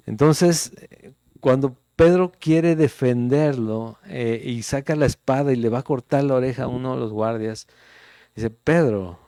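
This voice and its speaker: A middle-aged pastor preaching in a relaxed, conversational way, reading scripture aloud and checking in with his listeners. His voice is mellow and warm at a middle pitch. The sound is dry and close. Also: no echo. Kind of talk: sermon.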